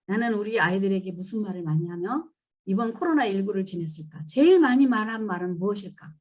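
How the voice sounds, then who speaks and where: A woman giving a church seminar lecture, telling stories and acting out scolding lines in an animated way. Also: medium pitch, fast. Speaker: seminar speaker.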